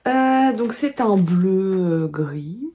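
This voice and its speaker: A knitting vlogger and pattern designer chats to camera about her day from her desk at home, lit by a lamp. Her mellow, medium-pitched voice is animated but very slow, and she thinks aloud with many filler sounds.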